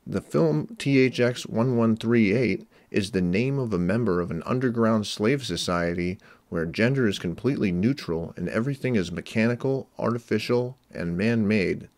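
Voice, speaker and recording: A man reading a scripted analytical narration in a measured, explanatory way. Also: lowish voice, a little mellow, dry recording. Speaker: video essay narrator.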